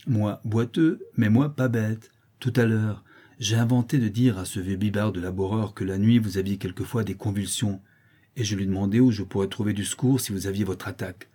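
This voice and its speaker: A man's voice: lowish voice, fairly even intonation, normal speed, warm tone, slightly rough. A man voicing a lame, mocking boy who taunts cruelly in a sing-song way. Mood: jeering.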